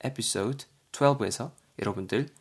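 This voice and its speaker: A man's voice: medium pitch, slow pace, husky. A man teaching English vocabulary on a podcast, patiently explaining words and spelling them out.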